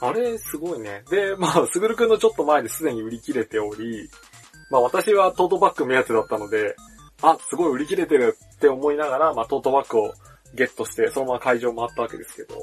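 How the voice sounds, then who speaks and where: A man's voice: medium pitch, expressive, racing, husky. A man hosting a casual podcast chat over a video call, laughing often and teasing the others. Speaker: podcast host. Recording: video call with music behind.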